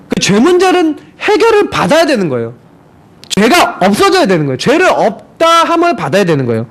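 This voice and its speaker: A male pastor preaching a sermon, asking the congregation rhetorical questions and acting out the quoted lines in shifting voices. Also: extremely high pitch. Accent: Seoul Korean.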